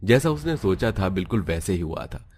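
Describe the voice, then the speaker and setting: A man narrates a family cartoon in a steady storytelling style. His voice is very low and deep, and he reads the script evenly from scene to scene. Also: normal speed, a little hiss or hum.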